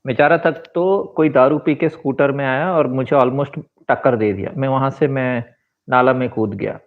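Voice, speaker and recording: A man in his forties from India, giving a rambling, reflective personal monologue and slipping into English phrases. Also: mid-range voice. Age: 40s. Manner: rambling, switches into English phrases, fills pauses with asides. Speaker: vlogger and author. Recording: tinny phone-like sound.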